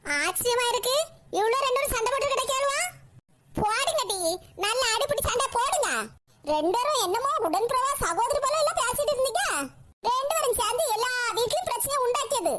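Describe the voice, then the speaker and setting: A woman's voice: very high-pitched, lively intonation, brisk. A woman voicing a nosy gossiping cartoon neighbor. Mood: gleeful. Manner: mocking, gossipy asides. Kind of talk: cartoon comedy voice acting. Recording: noisy home recording.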